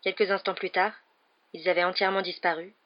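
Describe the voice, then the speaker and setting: An audiobook reader narrating a French novel in a steady, measured way. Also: mid-range voice. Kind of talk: scripted narration. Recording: dull lo-fi audio.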